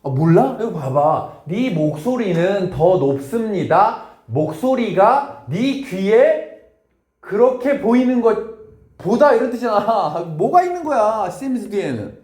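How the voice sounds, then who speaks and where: A man teaching an English grammar lesson in a classroom, quizzing his students in a brisk way and switching between Korean and English. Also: high-pitched, very animated, a little mellow, echoey room.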